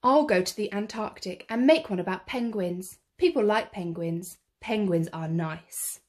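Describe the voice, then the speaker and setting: A woman's voice: mid-range voice, measured pace, darkish tone, close to an everyday voice. A woman playing an indignant television man in a children's storybook, scolding sternly and emphatically.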